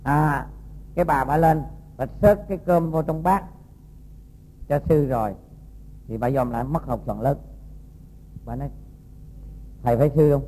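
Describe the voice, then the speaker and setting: A man, a Buddhist monk telling a moral story to young students and quizzing them in a lively, folksy way. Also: on the high side, a little slow, pauses often, breathy edge, rough recording.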